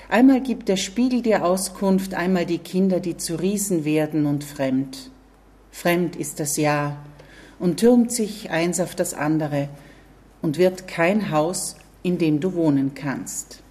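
A woman's voice: on the low side, dark tone. A woman reading literary prose aloud on the radio, in a grave, reflective way. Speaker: reader.

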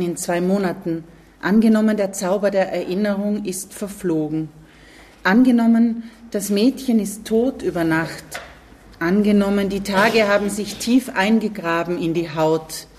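A woman's voice: medium pitch, darkish tone. A woman reading literary prose aloud on the radio, in a grave, reflective way. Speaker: reader.

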